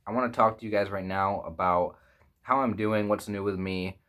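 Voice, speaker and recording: A man's voice: lowish voice, fairly even intonation, moderate pace, fairly bright tone. A man of twenty-five talking candidly to his phone camera in a small foam-lined room, reflective and rambling with plenty of fillers and restarts. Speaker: vlogger. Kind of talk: candid personal vlog. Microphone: phone camera at close range.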